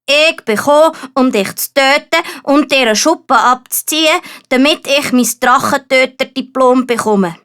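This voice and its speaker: Woman doing a high-pitched, bumbling, pompous storybook knight. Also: moderate pace, fairly bright tone. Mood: nervously pompous. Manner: hesitant, throat-clearing, pompous. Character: eager, bumbling, self-proclaimed heroic young male knight. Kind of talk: storybook character voice.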